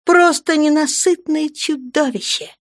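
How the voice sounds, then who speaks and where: A woman voicing a warm, emotional mother who speaks expressively. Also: high voice, unhurried, dry recording, studio quality, voice pushed up.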